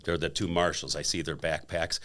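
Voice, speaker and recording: A man in his fifties, a podcast guest, telling a story in a casual, animated way and acting out the quotes. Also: a bass voice, fairly quick. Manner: animated, acts out quotes with laughs.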